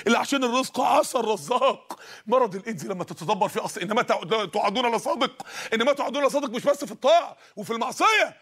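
A man with an Egyptian Arabic accent preaching in colloquial style, impassioned, swinging from shouts to hushed storytelling. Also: high voice.

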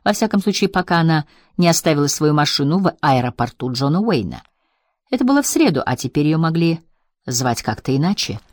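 A woman narrating an audiobook in a measured, even storytelling manner. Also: low voice, no room sound, studio quality. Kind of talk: scripted narration.

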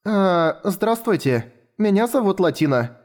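A man's voice: high voice, big pitch swings, a little slow, voice pushed up. A man voicing a shy, polite little demon girl in an audiobook. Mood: timid. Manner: timid, soft-spoken.

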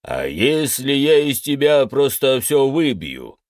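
A burly male brute with a short fuse shouts and threatens, his voice raised high and hard. The sound is close and dry, with a lively, swinging pitch, as a man reads him in a storybook. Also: slow, no echo. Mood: threatening. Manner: shouting, aggressive, accusing.

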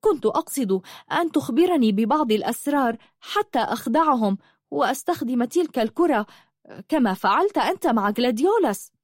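Woman doing a shy young lady, stammery and flustered, lively pitch, dry sound. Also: fairly quick, dry recording.

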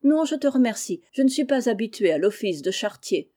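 A woman's voice: fairly high pitch, sing-song, fairly quick, mellow. A woman reading aloud voices a proud, disdainful young girl who talks in a haughty, petulant way. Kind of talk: audiobook character reading.

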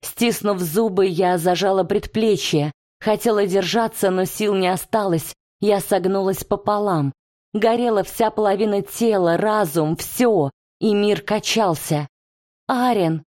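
A woman's voice: medium pitch, measured pace, darkish tone. A woman narrating a first-person fantasy audiobook with intense, dramatic delivery.

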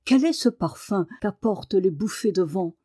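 A woman reading aloud and voicing a frail, excitable boy in a wheelchair, with eager breathless exclamations. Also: medium pitch, normal speed, breathy edge, dry recording, clean studio sound. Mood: wondering.

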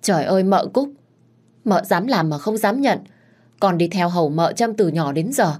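A woman voicing a sly young female servant who talks in an indignant, shrill way. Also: animated, moderate pace, a little mellow.

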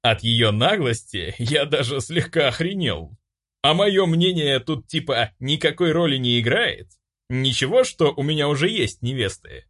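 A man narrating a first-person audiobook, expressive and acting out his own lines. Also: mid-range voice, a little slow.

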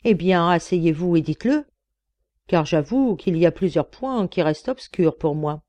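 A woman reading a sharp, commanding male detective who gives orders crisply. Her voice is mellow and the recording is dry and close. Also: fairly low pitch, animated, moderate pace, dry recording, lightly acted. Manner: crisp, decisive, giving orders.

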